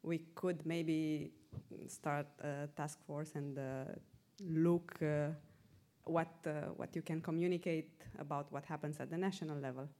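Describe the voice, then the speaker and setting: A woman presenter answering audience questions at a conference, measured and hesitant, with frequent fillers. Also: low voice, steady tone, warm tone.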